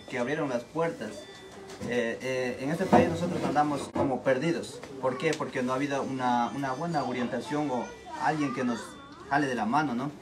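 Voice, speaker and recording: A man from Ecuador politely introducing himself at a community meeting, grateful and a little hesitant. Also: mid-range voice. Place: small meeting room indoors. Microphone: far camera. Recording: camera mic with murmuring crowd.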